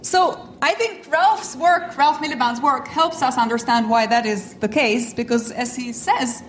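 Speaking as an invited lecturer, a middle-aged Albanian woman who grew up speaking French reflects on her academic topic at a measured pace. Her voice sits rather high and now and then turns dryly self-mocking. A reverberant room, faint background hum and distant mic shape the sound.

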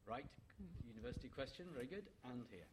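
Man moderating a debate over clear background noise. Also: medium pitch, animated, quick pace. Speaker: panel moderator. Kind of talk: chairing a live public debate. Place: public panel event at a venue. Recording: live event, clear background noise and clicks.

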